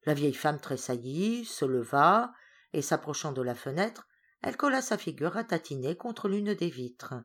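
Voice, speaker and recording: A woman reading a classic story aloud as an audiobook, with expressive, varied storytelling. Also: sits low, moderate pace, husky. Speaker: audiobook reader. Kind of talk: literary audiobook narration.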